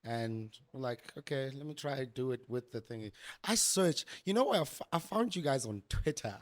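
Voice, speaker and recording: A musician in his thirties, guesting on a podcast, chats casually in a medium-pitched voice with lively intonation at normal speed. He is giggly and hesitant, laughing often and restarting sentences a lot.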